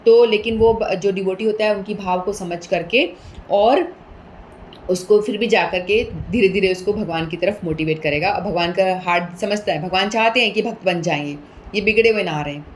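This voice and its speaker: A woman giving a patient scripture talk, mixing English words in and chanting Sanskrit verses slowly. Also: mid-range voice, a little hiss or hum, low-quality recording. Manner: patient, explanatory, repeats points with everyday examples; mixes English words into Hindi. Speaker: speaker explaining scripture.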